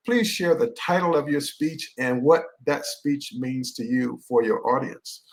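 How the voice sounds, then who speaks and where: A man's voice: mid-range voice, unhurried. A man hosting a podcast interview, leading questions and frequently affirming the guest.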